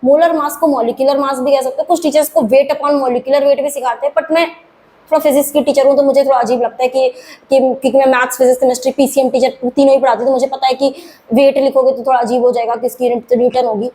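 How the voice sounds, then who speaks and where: A woman's voice: high-pitched, level tone, quick pace, warm tone, a little hiss or hum, poor audio. A woman teacher, explaining concepts step by step in a lecture and mixing English terms in as she goes. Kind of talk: classroom lecture.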